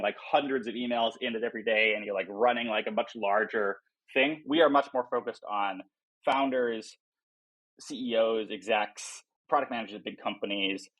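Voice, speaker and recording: A lowish male voice, with the highs cut off, belongs to a startup founder being interviewed. He explains things casually and informally, thinking aloud as he talks.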